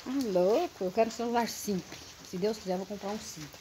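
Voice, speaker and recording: A woman's voice: mid-range voice, fairly even intonation, fast, mellow, a little hiss or hum. A woman vlogging casually at home, chatting to her viewers and cooing in baby talk at her puppies.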